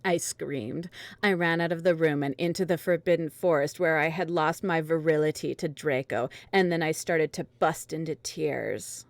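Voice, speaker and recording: In a very low voice, a woman gives a dramatic reading of fan fiction at normal speed. The recording is dry and close, with no echo and no sense of a room around her.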